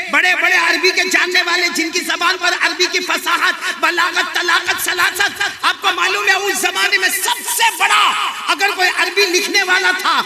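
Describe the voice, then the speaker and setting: A man preaching a fiery sermon to a large gathering, swinging from loud shouted bursts down to low murmurs. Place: large open-air gathering. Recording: crowd behind the speaker.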